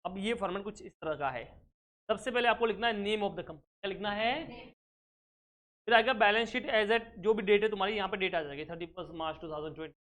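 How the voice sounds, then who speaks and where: A man's voice: sits high, brisk, a bit bright. Guy teaching accounts, keeps going "what do we call this?", mixes in english words. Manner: keeps asking the class rhetorical check questions; mixes English terms into his explanation. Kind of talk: recorded exam-prep lecture.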